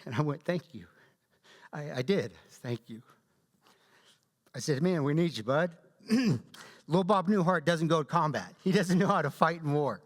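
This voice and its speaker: A man giving a talk at a church, telling a combat story in an animated way and acting out quotes. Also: a little high, fairly quick. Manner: animated storyteller, acts out quotes, laughs often. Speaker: guest speaker. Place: church hall. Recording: long hall reverb.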